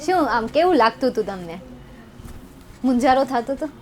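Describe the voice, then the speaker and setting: Young Gujarati woman tutor, high-pitched, playful and teasing on a live class. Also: animated, moderate pace, darkish tone, a little hiss or hum. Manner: playful, teasing, chatty with students. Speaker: online tutor. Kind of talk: chatty live exam revision lesson.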